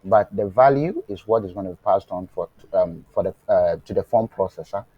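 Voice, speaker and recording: Low and slightly rough, a man's voice in dull, echo-free audio guides a live online coding class on web development. His delivery is slow and deliberate, with fillers and false starts, and he habitually asks the class a rhetorical "what?" for them to complete, checking they're with him. The remote setup leaves his voice faint now and then.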